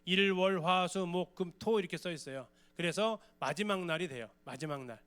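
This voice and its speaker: A man's voice: high-pitched, moderate pace, fairly bright tone, clean tone. A man giving a church Bible lecture, explaining in a conversational way and often asking the audience questions.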